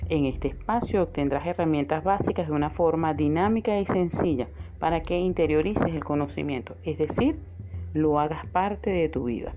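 A woman teacher giving a scripted spoken lesson, with a clear, measured delivery that slows down to stress key words. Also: low-pitched, lo-fi sound, noisy background.

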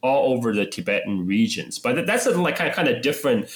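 A man in casual political discussion as a podcast co-host, speaking in a halting, opinionated, conversational way. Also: medium pitch, big pitch swings.

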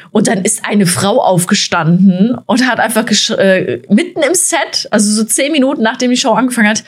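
A woman chatting on a casual podcast and retelling her stage stories with lively back-and-forth quotes. She talks at a middling pitch and fills her sentences with little hesitations. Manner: animated retelling with quoted dialogue, many fillers. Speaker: podcast co-host, stand-up comedian. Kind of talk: casual podcast chat, storytelling.

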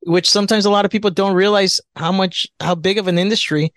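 A man's voice: high voice, steady tone, fast, a bit bright, no room sound, studio quality. A bartender chatting casually on a podcast, a man who rambles with lots of fillers. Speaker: bartender, guest.

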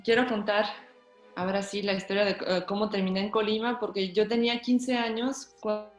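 A woman, a pianist guest, explaining her story thoughtfully and at length in casual conversation. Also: medium pitch. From Mexico, born in Russia. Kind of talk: casual interview chat. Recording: roomy echo.

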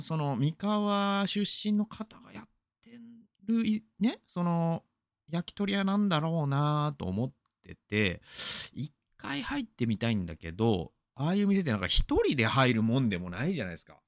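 A man's voice: a little high, sing-song, normal speed, dry recording, studio quality. A man from Aichi in Japan hosting a radio show, rambling through a casual monologue full of fillers and asides.

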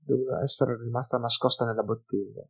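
A man reading a fantasy audiobook aloud as narrator in an expressive, dramatic storytelling manner. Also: mid-range voice, brisk, creaky, slightly rough.

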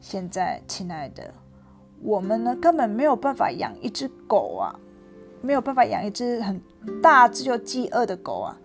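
A woman voicing a soft gentle mother. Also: sits high, soft background music, pitched above the performer's own voice, close to an everyday voice. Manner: soft, tender and slow. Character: gentle patient mother speaking softly to her child.

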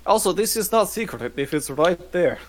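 A man with a slightly high voice plays his tabletop character as a rude, arrogant insulter. He swears freely as he bosses the others around. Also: sing-song, normal speed. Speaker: player.

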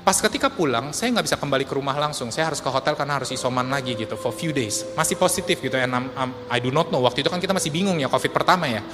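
A male pastor preaching a sermon, telling a personal story, often addressing the congregation and mixing in English phrases, swinging between loud and soft. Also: medium pitch, expressive, racing, few pauses. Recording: hall with long reverb and faint music.

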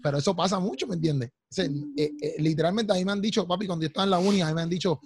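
A young man with a Puerto Rican accent, telling animated stories in a casual chat and calling his friends "loco" and "papi". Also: high-pitched, racing, a little hiss or hum. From Puerto Rico. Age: young adult.

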